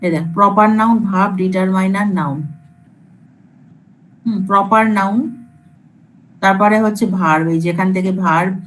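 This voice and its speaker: A woman's voice: medium pitch, moderate pace, long pauses, a bit bright, slight background noise, low-quality recording. A woman lecturer, explaining to students in a casual, coaxing classroom way. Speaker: computer science lecturer.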